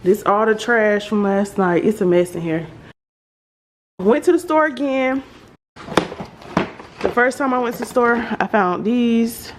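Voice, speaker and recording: A woman's voice: fairly high pitch, animated, takes it slowly, long pauses. Southern American woman chatting casually over background noise. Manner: informal, rambling, thinking aloud. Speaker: home makeover vlogger. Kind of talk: casual chat to viewers during a house tour. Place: indoors, rooms of a house. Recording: noisy handheld home recording, household ambience. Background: clear background noise.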